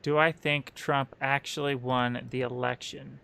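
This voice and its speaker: A man co-hosting a casual livestream chat, talking in an upbeat, emphatic, animated way. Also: medium pitch, unhurried, vocal fry, clear, resonant tone. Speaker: co-host.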